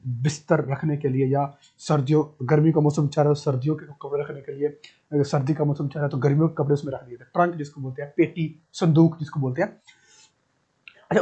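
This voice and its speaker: A man's voice: fairly high pitch, dark tone, husky, lo-fi sound. A man teaching a physics lesson, who explains step by step, repeats key terms and asks his class rhetorical questions. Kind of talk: classroom lecture.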